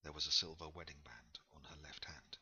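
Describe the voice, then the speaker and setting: A man narrating a novel in a measured, unhurried storytelling manner. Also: rumbling low, pushed and bright, husky, dull audio. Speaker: audiobook narrator. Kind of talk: scripted narration.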